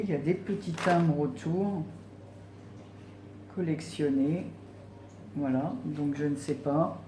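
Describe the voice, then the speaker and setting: A woman's voice: low-pitched, background noise. A woman chatting casually at home as she unboxes gifts, effusive and exclaiming with delight. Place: home room. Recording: roomy home recording.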